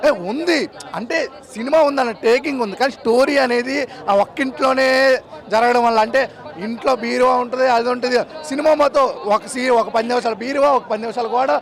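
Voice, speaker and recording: A man giving a measured street review of a film, weighing its strengths against its weaknesses. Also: extremely high pitch, fairly even intonation, a faint crowd. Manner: measured, critical, weighs pros and cons.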